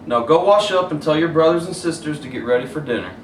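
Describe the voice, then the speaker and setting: A wise, kindly storybook mother, voiced by a man, measured and gently firm as she reassures and instructs. The voice is pitched up and echoes in a room, some way from the mic. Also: expressive, natural voice. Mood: fond. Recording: roomy echo, distant mic, faint noise.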